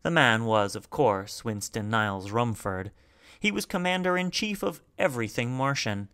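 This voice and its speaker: A man reading a novel aloud as an audiobook narrator, measured and expressive. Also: mid-range voice, clear, resonant tone. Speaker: audiobook reader. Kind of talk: scripted narration.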